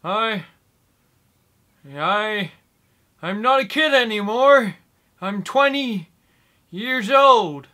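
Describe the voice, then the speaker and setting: A young man of twenty rambles through a comic vlog in a slow, halting, mock-doddering way, leaving long gaps between words. His voice sits high and sounds bright and forceful. He speaks into a desk microphone in a small indoor room. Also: animated. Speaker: YouTuber. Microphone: desk microphone in front.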